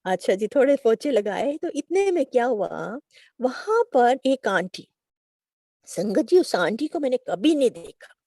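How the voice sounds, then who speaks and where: A middle-aged woman, sharing a devotional testimony in a lively storytelling way, acting out quoted dialogue. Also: fairly high pitch, a little slow, no room sound, clean studio sound.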